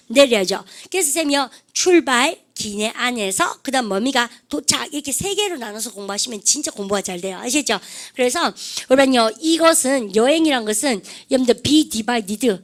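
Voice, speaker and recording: A woman's voice: sits high, animated, fairly quick. A Korean woman teaching an English vocabulary lesson, prompting students to repeat phrases in call-and-response drills.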